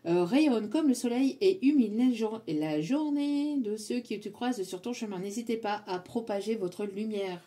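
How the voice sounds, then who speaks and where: Woman tarot reader, soft mellow tone, halting delivery that relays her guides' messages, playful asides. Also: mid-range voice, animated. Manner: hesitant, many fillers, relays what her guides say; chuckles often, playful asides. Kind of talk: spoken tarot reading to camera.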